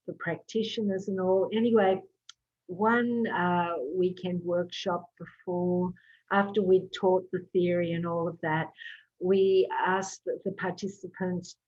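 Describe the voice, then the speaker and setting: A woman therapist explaining a therapy technique in a lively way, acting out dialogue with clients. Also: on the low side, dull audio. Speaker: psychotherapist.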